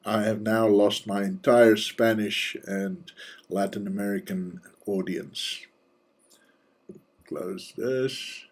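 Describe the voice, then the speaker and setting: A man with a husky, slightly breathy voice talks through a piece of software at an unhurried, unhurried pace. He thinks aloud as he clicks around, slipping in relaxed, dry jokes along the way. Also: lowish voice. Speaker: software reviewer and channel host. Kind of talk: casual screencast walkthrough.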